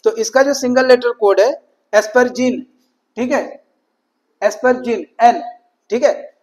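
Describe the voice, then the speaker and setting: A man's voice: very high voice, slow pace, darkish tone, low-quality recording. A man giving an exam-prep lecture, switching between Hindi and English, asking questions and answering them himself. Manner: mixes Hindi and English, repeats "ठीक है" often. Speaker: teacher.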